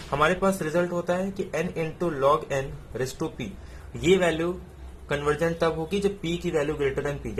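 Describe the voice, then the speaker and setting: A man teaching, working through exam math answers in a steady explanatory way, often asking a question and answering it himself. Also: on the high side, a little hiss or hum. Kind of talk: exam solution walkthrough.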